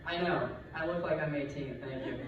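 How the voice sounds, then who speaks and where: A man's voice: fairly high pitch, a little fast, lo-fi sound, background noise. A young man in his twenties doing stand-up and crowd work in a rambling, giggly, loose way. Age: 20s. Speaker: stand-up comedian. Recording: roomy, distant mic in a club.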